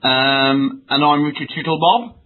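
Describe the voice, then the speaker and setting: A co-host in a comedy sketch plays it glum and deadpan, speaking at a measured pace while stammering and restarting hesitantly. His voice is notably high for a man. The lo-fi, phone-like recording is thin, with a little hiss or hum.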